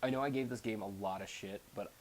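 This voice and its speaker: A young man who is a little sick and congested, hosting a casual let's play with a relaxed, joking manner. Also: on the low side, quick pace, a little hiss or hum. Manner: relaxed, joking, laughs easily. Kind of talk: casual gaming chat. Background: game music.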